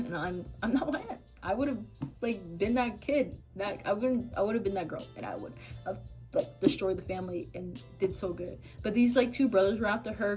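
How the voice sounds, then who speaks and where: A woman's voice: mid-range voice, a little mellow. A young woman chatting casually through a book review, rambling with lots of fillers and restarts. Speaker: book vlogger.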